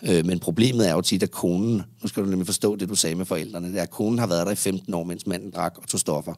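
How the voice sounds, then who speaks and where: Male therapist guest: low, husky, animated explainer, dry close-miked sound. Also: no room sound. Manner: animated, explanatory, frequent restarts. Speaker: psychotherapist guest. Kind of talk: casual podcast conversation.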